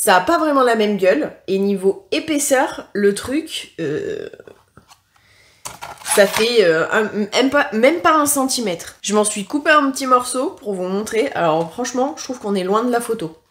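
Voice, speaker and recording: A woman's voice: fairly high pitch, animated, moderate pace. Chatty, frank woman doing a taste test. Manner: chatty and frank, leaning on "franchement" and "concrètement"; hesitant, with frequent filler sounds and self-corrections. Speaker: food tasting vlogger. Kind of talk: casual taste-test chat to camera.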